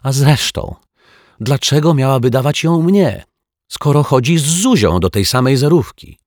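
A man's voice: sits low, normal speed, slightly rough, dry recording, clean studio sound. A man voicing a sulky, defensive boy who bickers with his sister. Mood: huffy.

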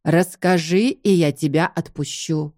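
A woman's voice: deep voice, measured pace, a little mellow, no room sound, studio quality. A woman doing a teasing, stubborn young lover. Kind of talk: audiobook dialogue.

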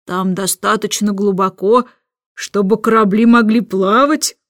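Brief: relaxed cheerful king, unhurried sing-song delivery, storybook, dry sound, by a woman reader. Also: mid-range voice, dry recording, lightly acted. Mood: easy. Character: carefree, cheerful male king, calm.

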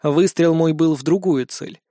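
Male audiobook narrator, first-person, lively delivery, slightly high voice, dry close mic. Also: normal speed, dry recording.

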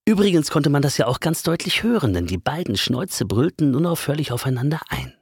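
A man gives an expressive audiobook reading, his pitch climbing and falling freely, sometimes dropping to a hush. His voice is gravelly and husky, recorded close with a dry sound. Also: fairly quick, no room sound. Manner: expressive, shifts between loud and whispered. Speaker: audiobook narrator.

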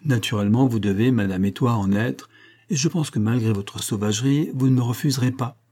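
A man reading aloud voices a vain, jovial man who laughs at everything and insists loudly. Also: mid-range voice, fairly quick, close to an everyday voice. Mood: insistent.

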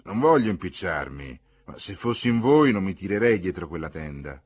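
A man's voice: sits low, sing-song, moderate pace, slightly rough, no echo, studio quality, full character voice. A man voicing a wry onlooker who offers mocking, polite advice in an audiobook reading.

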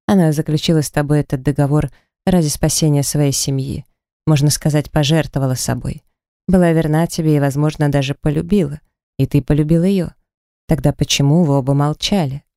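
A man's voice: fairly high pitch, fairly even intonation, brisk, creaky, mellow, dry recording, clean studio sound. A man voicing a blunt male best friend who scolds frankly. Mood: scolding.

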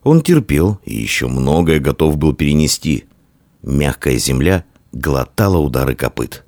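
Man, audiobook narrator, very deep voice, lively intonation, dry studio sound. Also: moderate pace, no echo. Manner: expressive, dramatic storytelling.

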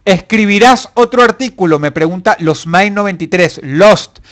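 High-voiced profane man. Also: normal speed, fairly bright tone. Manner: profane, mock-angry and joking, reading viewer comments aloud. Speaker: live-stream host. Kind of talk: casual live chat.

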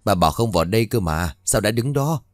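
A man voicing a stern, gruff older village man giving orders. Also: fairly low pitch, animated, a little fast, dry recording, clean studio sound, lightly acted. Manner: gruff, commanding.

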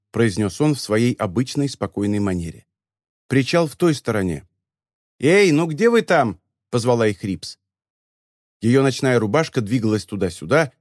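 A man narrating an audiobook in a calm, measured way. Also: medium pitch, dry recording, studio quality. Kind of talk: scripted narration.

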